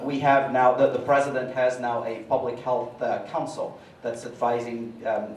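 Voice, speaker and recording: A man's voice: mid-range voice, slight background noise. A man speaking as a panelist, hesitant, with many fillers. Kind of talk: panel discussion remarks. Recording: echoey room, mic from far off.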